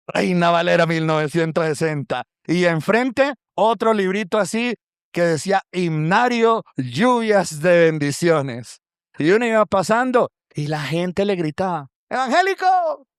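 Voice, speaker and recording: A pastor with a fairly high voice preaches to his congregation, calling them brothers as he goes. He tells stories with lively acted-out quotes. The sound is dry and close, with little room echo. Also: unhurried, clean tone. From Colombia. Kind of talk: sermon. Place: church.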